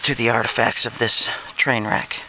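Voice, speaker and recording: A man's voice: medium pitch, steady tone, moderate pace, sharp tone, slight background noise, low-quality recording. A man casually narrating a metal detecting dig to his viewers outdoors, in short repeated remarks as he works. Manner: talks to viewers while digging, repeating short exclamations.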